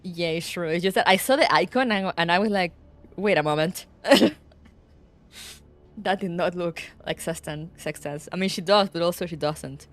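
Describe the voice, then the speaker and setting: A woman's voice: lowish voice, normal speed, faint music behind. A woman giving casual, rambling commentary as she plays through a video game. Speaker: game streamer. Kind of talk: casual playthrough commentary, reading dialogue aloud.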